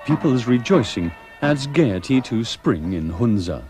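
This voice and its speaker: A man's voice: medium pitch, very animated, unhurried, music in the background. A man reading scripted narration for a travel documentary.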